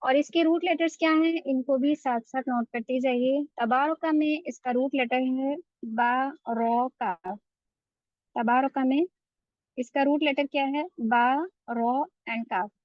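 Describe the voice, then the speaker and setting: A woman's voice: sits high, slow, no echo, dull audio. A woman teaching a Quran recitation lesson, explaining patiently and drawing out the recited words. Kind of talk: online tajweed lesson.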